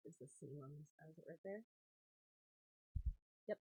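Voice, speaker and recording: A woman's voice: deep voice, unhurried, mellow, slightly rough, no echo. A woman chatting casually on a live stream while crafting, swearing freely and laughing often. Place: home craft room.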